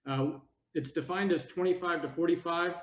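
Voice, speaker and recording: A man in his forties giving a halting update on a video call, full of fillers and restarts. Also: fairly high pitch. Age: 40s. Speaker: committee presenter. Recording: echoey, dull video call audio.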